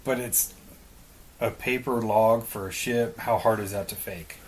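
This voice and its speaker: A man's voice: fairly low pitch, steady tone, unhurried, a little mellow, low-quality recording. A man co-hosting a podcast, casually explaining a story with some swearing and speculation. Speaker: podcast co-host. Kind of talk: casual conversation.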